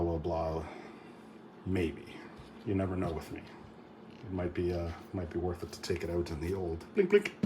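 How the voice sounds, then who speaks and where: A middle-aged man with a low voice talks through a casual vlog update. He rambles, restarting sentences and filling gaps with ums and uhs. A faint hum of room noise sits behind him. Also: warm tone. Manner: rambling, with many fillers and restarts. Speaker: firearms channel host.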